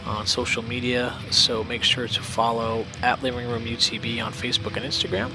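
A man's voice: mid-range voice, flat delivery, fairly quick. A man hosting a podcast, reading an upbeat scripted introduction over music. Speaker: podcast host.

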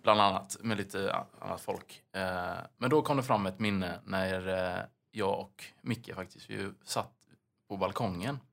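A man's voice: low-pitched, creaky, a bit bright. A man co-hosting a casual podcast chat, telling stories animatedly and acting out the voices in them. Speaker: podcast host.

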